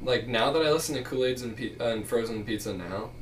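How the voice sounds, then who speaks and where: A man's voice: mid-range voice, fast talker, slight background noise. A young man chatting casually with friends about music, rambling with lots of fillers. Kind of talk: casual chat among friends. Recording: echoey room, mic at a distance.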